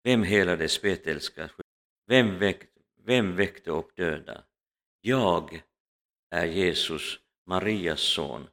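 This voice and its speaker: A man voicing Jesus in a story, speaking in a solemn, measured way. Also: low-pitched, a bit bright, in a large hall. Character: Jesus speaking with calm authority.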